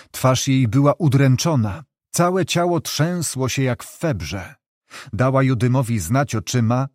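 A male narrator reads a classic novel in a measured, expressive manner, voicing its characters as he goes. His voice sits at a middling pitch, and the recording is dry and close, with no room sound. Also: no room sound. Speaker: audiobook narrator. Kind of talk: literary narration.

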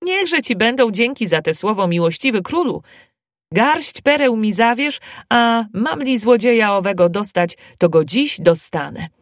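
Bold, fiery little dwarf, voiced by a woman reader, higher and louder than her narration, dry close sound, storybook. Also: lively intonation, a little slow, no echo. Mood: resolute. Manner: loud, emphatic and indignant. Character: bold, excitable male dwarf.

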